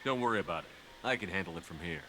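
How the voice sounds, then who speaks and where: Deep, bright, brisk game hero, firm and calm. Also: male voice, a little hiss or hum. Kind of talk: video game dialogue.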